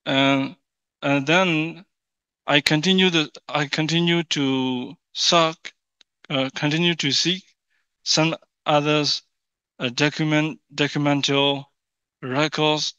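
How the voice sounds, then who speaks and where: Male conference presenter, Burmese accent, clear ringing tone, halting delivery with repeats, recorded dull in an echoey room. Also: on the high side, steady tone, pushed and bright. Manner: halting, repeats and rephrases phrases. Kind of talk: formal paper presentation in non-native English.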